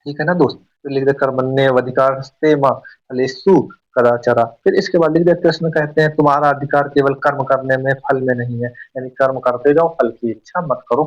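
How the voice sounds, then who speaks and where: A man teaching an exam-prep lesson in a fast, chatty way, often asking and answering his own questions. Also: mid-range voice. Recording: dull, slightly distant mic.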